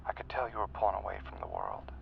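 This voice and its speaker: A man playing a gravelly psychopath on the phone. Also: fairly low pitch, moderate pace, close to an everyday voice. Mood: whispered menace. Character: cold, manipulative male psychopath caller. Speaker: caller. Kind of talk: film drama acting. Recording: tinny phone line with faint noise.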